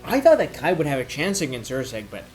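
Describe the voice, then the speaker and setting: Man, fairly high voice, tipsy halting rant, thinking out loud, faint music behind. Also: wildly swooping pitch. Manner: drinking while ranting, tipsy rambling. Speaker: MMA commentator giving opinions. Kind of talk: casual off-the-cuff rant.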